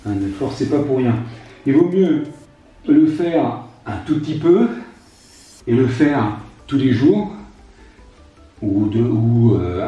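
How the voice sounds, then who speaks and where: This exercise instruction video features a man in his fifties, a life coach, leading a strength session from a room at home with an exercise mat. His voice is mellow and mid-range, his manner gentle and reassuring, with many hesitations and repeated advice not to overdo it. Heavy echo fills the room, and he sits well back from the microphone.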